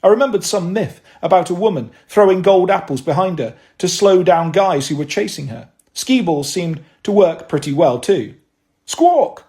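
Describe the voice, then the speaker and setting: A man's voice: high-pitched, animated, normal speed, hardly any pauses, a little mellow. A man reading a first-person novel aloud, with a wry, dry delivery. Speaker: audiobook narrator.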